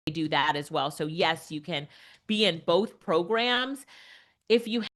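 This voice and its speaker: A woman hosting a live webinar, answering questions in a chatty, animated way. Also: lowish voice, measured pace. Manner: chatty, animated, filler-heavy. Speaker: webinar host. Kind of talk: casual live Q&A.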